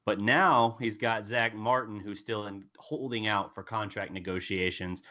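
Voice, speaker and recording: A man's voice: fairly low pitch, fairly even intonation, a little slow, sharp tone. A man hosting a casual sports livestream in an upbeat way, reading out chat names and steering the topics. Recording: dull lo-fi sound.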